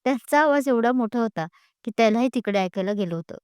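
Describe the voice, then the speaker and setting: A woman narrating an audio story in a steady, expressive storytelling manner. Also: a little high, quick pace, clean tone, no room sound, clean studio sound.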